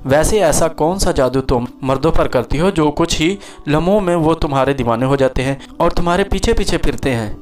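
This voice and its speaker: A man's voice: on the high side, animated, brisk, hardly any pauses, a little mellow, close to an everyday voice. A man reading the lines of a jealous, bitter young woman who spits spite and begs in turns, in a storybook narration. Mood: venomous.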